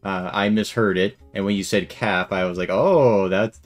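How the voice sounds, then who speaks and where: A man hosting a casual let's play, joking around with a co-player. His voice sits low, and he fills pauses with lots of "uh" and laughs. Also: fairly even intonation, soft background music. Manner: joking, filler-heavy, laughing often. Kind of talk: casual gaming commentary.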